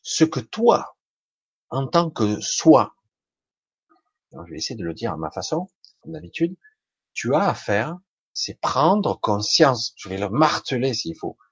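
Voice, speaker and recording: A man's voice: medium pitch, sing-song, measured pace, pauses often, slightly rough, no room sound. A man giving an informal motivational talk straight to the listener, colloquial and blunt, with mild swearing.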